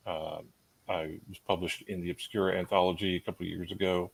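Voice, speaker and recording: Male author guest, low and gravelly, halting casual delivery. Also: steady tone, poor audio. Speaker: author on panel. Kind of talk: casual self-introduction.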